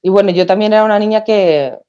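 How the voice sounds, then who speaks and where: A woman in her thirties from Spain, guesting on a casual podcast interview, tells her story in a lively way, often restarting mid-phrase. Her voice sits at a middle pitch. It comes through a dull, lo-fi remote line. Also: fast talker, clear, resonant tone.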